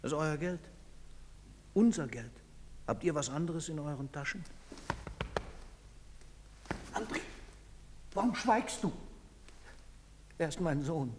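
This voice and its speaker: A man's voice: on the high side, expressive, unhurried, pauses often, darkish tone, long reverb tail, slight background noise. An actor playing an anguished father pleading for his son, in a radio play. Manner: grieving, accusing.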